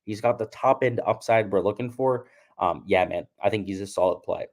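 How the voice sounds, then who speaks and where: A man's voice: fairly low pitch, a little fast. A young man hosting a golf betting channel, telling stories in a chatty, casual way and laughing at himself. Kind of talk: casual talk.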